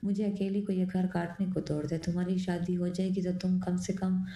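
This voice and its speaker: Brief: a nagging, exasperated mother, read by a woman, low gravelly tone, roomy sound. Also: little pitch movement, moderate pace, mellow, slight background noise. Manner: complaining, exasperated. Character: nagging, fretful middle-aged mother. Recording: roomy echo.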